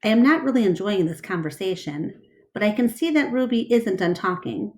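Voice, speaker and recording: In a deliberate, expressive storytelling style, a medium-pitched woman reads aloud from a children's book.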